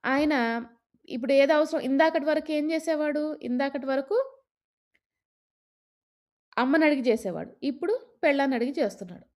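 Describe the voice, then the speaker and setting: Mellow-voiced woman telling a folk tale. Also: sits high, expressive, normal speed, pauses often. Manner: conversational, with many restarts and fillers, quoting characters in her own voice. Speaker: storyteller. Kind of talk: casual oral storytelling.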